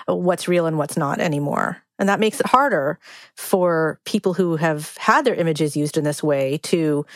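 A woman's voice: lowish voice, no room sound. A woman giving conversational interview answers as a reporter.

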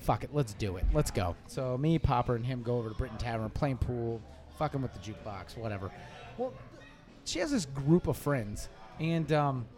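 A man's voice: mid-range voice, very animated, moderate pace, darkish tone, soft background music. A man in his thirties telling a profane story in casual podcast chat, laughing as he goes, recorded in a bar. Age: 30s. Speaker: podcast co-host. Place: bar or restaurant.

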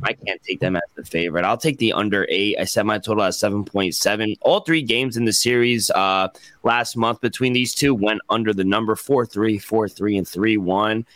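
A man's voice: lowish voice, fairly bright tone, no room sound. A man co-hosting a sports betting podcast, giving picks in casual chat and often correcting himself mid-sentence. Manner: self-correcting, trails off at ends of thoughts. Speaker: podcast co-host.

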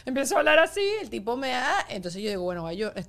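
A woman hosting a casual podcast chat, expressive and quick to laugh as she tells stories. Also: a little high, vocal fry. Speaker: podcast host.

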